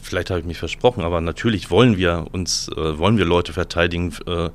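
Deep-voiced man, halting with fillers. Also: steady tone. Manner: hesitant, many fillers. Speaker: museum director. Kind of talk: interview answers.

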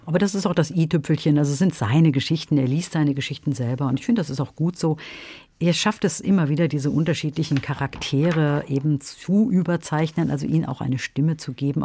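Mellow-voiced man reviewing audiobooks. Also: fairly high pitch, breathy edge, dry recording. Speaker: radio book critic. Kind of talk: radio review talk.

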